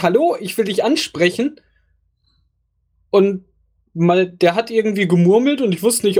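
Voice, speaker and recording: A man co-hosting a casual gaming podcast, blunt and quick to dismiss arguments he disagrees with. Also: sits high, darkish tone.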